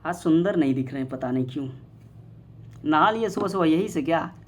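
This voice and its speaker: Man, higher voice; playful teasing math teacher who drills by repetition. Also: a little fast. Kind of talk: online classroom lesson.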